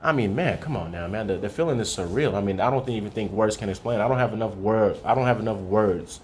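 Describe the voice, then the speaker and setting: Earnest low-voiced man from Haiti. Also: fast, a little hiss or hum. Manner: earnest, keeps saying "you know what I'm saying". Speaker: guest, credit repair consultant. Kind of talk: casual interview talk.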